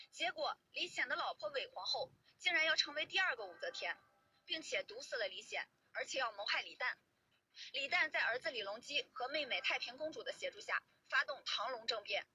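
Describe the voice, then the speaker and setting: A woman's voice: fairly high pitch, bright, forceful tone, poor audio. A woman narrates history from a script in a colloquial storytelling manner.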